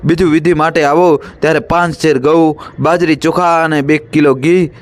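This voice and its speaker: Give me a commanding village woman shaman, put on by a male narrator, pitched a bit higher and firm. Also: steady tone, normal speed, close to an everyday voice. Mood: instructing. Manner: commanding, staring, oracular.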